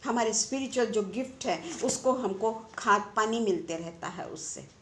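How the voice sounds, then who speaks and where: A woman's voice: mid-range voice, normal speed. Woman, rhetorical-question preaching, roomy echo, light background noise. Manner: conversational, asks rhetorical questions. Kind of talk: online sermon.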